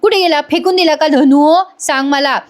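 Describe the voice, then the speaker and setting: A woman's voice: high voice, normal speed, voice pushed up, close to an everyday voice. A woman doing a scolding young daughter-in-law. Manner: scolding, insistent. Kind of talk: storytelling voice-over retelling a serial.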